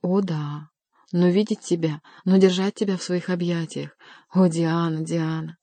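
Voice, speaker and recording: A woman's voice: lowish voice, steady tone, unhurried, warm tone, no room sound. A woman voicing an ardent young nobleman pleading with his beloved. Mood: tender. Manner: passionate, pleading.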